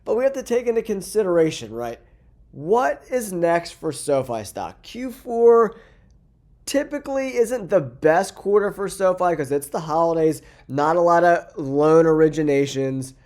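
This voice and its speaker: A man's voice: a little high, expressive, measured pace, a little mellow. A man hosting a finance channel, talking casually and upbeat to his viewers about a stock, his voice nasal from a cold. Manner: upbeat, addresses viewers as guys. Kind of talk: casual direct-to-camera stock talk.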